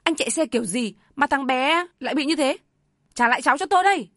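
An older grandmother who turns on people with shrill blame, or mutters prayers under her breath, as a woman narrator voices her. The reading is dry and close. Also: steady tone, quick pace, dark tone, slightly rough, no echo. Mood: shrill scolding. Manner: shrill and scolding, then murmuring prayers. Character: sharp-tongued grieving grandmother.

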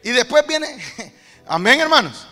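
A male preacher tells a parable in a lively sermon, voicing its characters as he goes. His voice sits very high and sounds bright and forceful. The sound carries a long church-hall reverb with faint music underneath. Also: slow. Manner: animated storytelling, acting out the parable's characters; addresses the congregation as "hermano".

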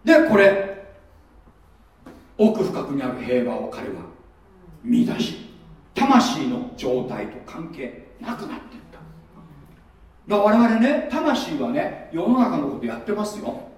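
A man's voice: a little high, very animated, takes it slowly, long pauses. A man preaching a sermon as pastor in a conversational way, often asking the listeners rhetorical questions. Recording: very echoey room, voice from far off.

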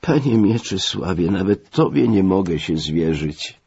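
A man voicing a feverish, stubborn, wealthy older country gentleman who speaks in a pleading, secretive way. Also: low-pitched, very animated, measured pace, gravelly, breathy edge, exaggerated voice. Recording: dull lo-fi recording.

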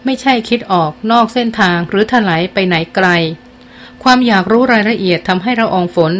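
Female audiobook narrator, mid-pitched, steady novel reading, faint background hiss. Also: brisk.

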